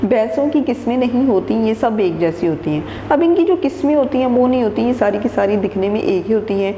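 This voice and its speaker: Animated and a little fast, an Urdu teacher with a warm, higher-side voice reads aloud from a textbook and explains each sentence again more simply. The recording has an echoey room sound, long reverb and faint noise.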